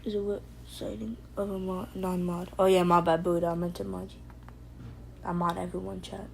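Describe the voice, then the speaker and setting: A woman's voice: fairly low pitch, level tone, brisk, gravelly, slight background noise, low-quality recording. Playful woman streamer chatting with her chat. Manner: playful, jokey, talks to chat by name; loose and rambling, frequent fillers and restarts. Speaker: livestream host. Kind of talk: casual live-stream chat.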